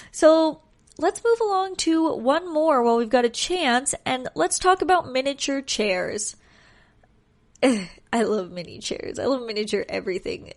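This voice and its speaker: A woman hosting a casual solo podcast, chatty and joking, sounding congested and nasal as if pinching her nose. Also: high voice. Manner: chatty, joking, self-deprecating. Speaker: podcast host.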